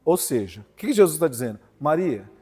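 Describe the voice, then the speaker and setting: A man's voice: on the high side, very animated, fast talker, mellow, husky, soft background music. A man with a Brazilian accent preaching a sermon in church, emphatic and full of rhetorical questions to the congregation. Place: church hall. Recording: reverberant church hall.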